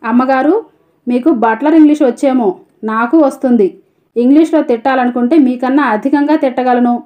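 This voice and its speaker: A woman's voice: high-pitched, brisk, mellow, lightly acted. A woman reading a storybook, voicing a principled, caring young woman who gives firm, cutting rebukes. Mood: stern.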